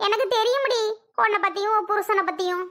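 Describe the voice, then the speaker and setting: A woman voicing a tearful, aggrieved elderly mother in a cartoon, wailing and complaining. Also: fairly quick. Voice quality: wailing, complaining, high and bright. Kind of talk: animated cartoon voice acting.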